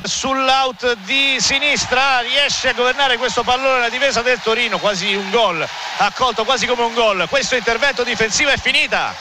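A man commentates live on football in a high, strikingly bright and forceful voice. He keeps up a fluent, wordy play-by-play. Faint stadium noise runs behind him. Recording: noisy outdoor stadium background.

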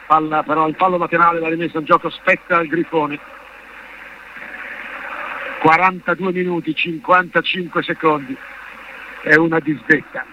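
A man's voice: high voice, pushed and bright, dull audio. A man giving live, partisan play-by-play football commentary on the radio from a stadium. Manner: partisan, speaks as one of the fans. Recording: band-limited radio broadcast with background noise.

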